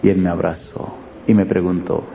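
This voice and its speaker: A man preaching as a pastor, with a mellow, warm tone and a faint hiss of background noise. He tells his sermon as a story and puts direct questions to the congregation. His delivery swings from loud, pressing emphasis down to hushed, quiet lines. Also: low-pitched, little pitch movement, normal speed, vocal fry.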